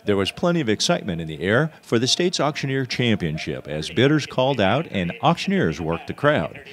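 A man's voice: lowish voice, big pitch swings, a little fast. An American man narrating a scripted news feature as a TV reporter. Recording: crowd noise behind voice-over. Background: event crowd.

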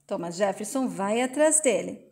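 A woman's voice: mid-range voice, animated, normal speed, darkish tone. A woman retelling a soap opera scene in plain present-tense play-by-play. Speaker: narrator.

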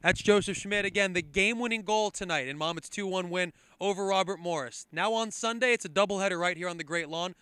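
Fast, bright sideline interviewer man. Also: sits high, smooth, no room sound. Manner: quick, upbeat broadcast delivery. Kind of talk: postgame sports interview. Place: outdoor soccer field at night. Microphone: handheld mic.

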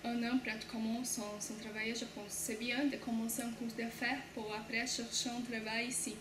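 A woman's voice: fairly high pitch, flat delivery, normal speed. A young Brazilian woman, a student, answering interview questions in hesitant, restarting French. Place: classroom by a window. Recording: echoey room, background noise.

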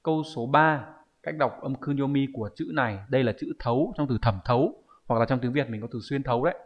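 A man's voice: medium pitch, brisk, dull audio. A man teaching an online lesson with a Vietnamese accent, explaining exam answers and often asking the viewers to confirm. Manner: explanatory, asks rhetorical checks often. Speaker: Japanese teacher.

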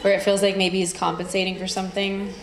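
A woman's voice: mid-range voice, flat delivery, fast talker. Woman, stand-up comedian, mid-range voice, dry conversational delivery, stage microphone, audience laughter, noisy live venue. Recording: roomy live stage sound with crowd noise.

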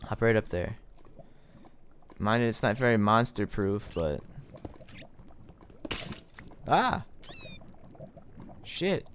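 A man's voice: on the low side, big pitch swings, drawn-out words, pauses often, fairly bright tone, a little hiss or hum. A young man giving casual gameplay commentary, swearing and sarcastic as things go wrong. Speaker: gaming commentator.

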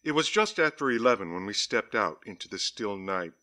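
A man reading a diary-style gothic tale aloud in a measured, dramatic narration. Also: lowish voice, expressive, bright, forceful tone. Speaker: audiobook narrator.

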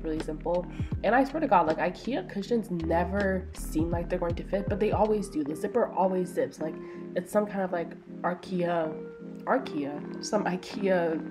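A young woman from Florida with a stuffy nose, narrating a home video in a chatty, self-mocking voice-over full of fillers. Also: on the low side. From Florida, USA. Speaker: lifestyle vlogger. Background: loud background music.

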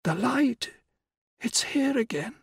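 A man's voice: sits high, lively intonation, slow pace, creaky, slightly rough, no echo, studio quality, voice pushed up, full character voice. A man doing a frail, whispering dying old woman. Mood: rapt. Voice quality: weak whisper.

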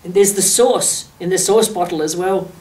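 An Australian woman in her sixties, seated in a furnished indoor office, reads a picture book aloud to young children and adds asides, explanations, and questions for them. Her voice is lowish and darkish in tone, at a moderate pace. A distant microphone picks her up along with noticeable room noise.

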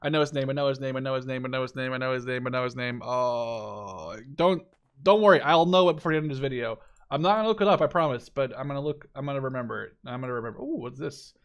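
Speaking fast at a medium pitch, with the highs cut off in the recording, a twentysomething Canadian gaming creator gives loose, unscripted commentary. He rambles, swears liberally and says what he thinks.

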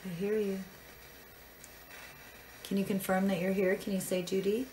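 Woman, amateur spirit medium. Even, narrow intonation, short questions and waiting pauses, faint noise behind. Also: mid-range voice. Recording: clear background noise.

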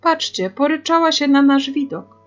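A woman's voice: high voice, lively intonation, normal speed, highs cut off, faint music behind, voice pushed up. A woman doing a cheerful, teasing boy. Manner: teasing, laughing.

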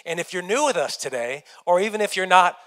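An American man in his thirties preaches a folksy, earnest sermon as a pastor to an online congregation, holding a handheld microphone close on a small indoor church stage with keyboard music behind him. His voice is high-pitched, animated, brisk, and a bit bright.

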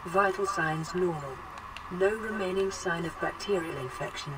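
A woman voicing a calm onboard computer AI that gently reports a medical scan in a soft, clinical synthetic voice. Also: on the low side, moderate pace, background noise. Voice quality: soft, even, clinical delivery. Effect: synthetic computer voice from the game.

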